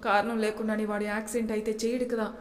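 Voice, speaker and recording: A woman's voice: medium pitch, little pitch movement, fast talker, lightly acted. A woman voicing a feisty young wife who answers back boldly, in a storybook reading. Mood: persuasive. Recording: echoey room with long reverb.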